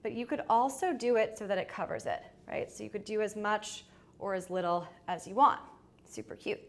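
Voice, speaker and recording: A woman's voice: mid-range voice, fairly quick. A woman hosting a live fashion shopping stream, chatting upbeat with many fillers. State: out of breath. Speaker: fashion livestream host. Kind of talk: casual live shopping chat. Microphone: moving away from the mic while changing outfits.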